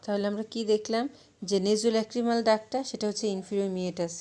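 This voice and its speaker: A woman's voice: mid-range voice, fairly even intonation, fast, dark tone. A woman gives an anatomy lecture over slides, explaining step by step and asking her own questions. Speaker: medical lecturer.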